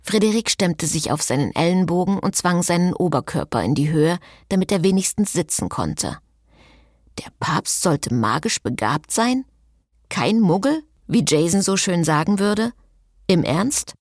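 A woman reading an audiobook in scripted narration with a lively, wry manner. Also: lowish voice, unhurried, no echo, studio quality.

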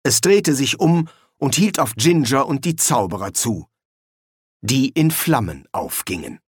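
Lively expressive male audiobook narrator. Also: mid-range voice, unhurried, husky, no echo, clean studio sound. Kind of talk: scripted narration.

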